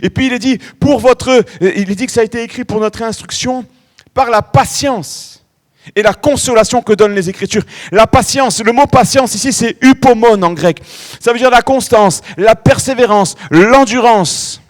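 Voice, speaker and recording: A man's voice: extremely high pitch, normal speed. A middle-aged man preaching a sermon in a church, telling stories with lots of energy and drawing out key words. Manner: animated storytelling preacher, stretching key words. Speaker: pastor.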